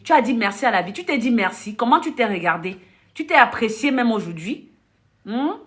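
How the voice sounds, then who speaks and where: Bright-voiced woman coaching on a live stream. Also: fairly high pitch. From Africa. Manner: animated storytelling with frequent laughter, acting out dialogue; blunt, direct addressing of the audience. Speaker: life coach. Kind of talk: casual live-stream monologue.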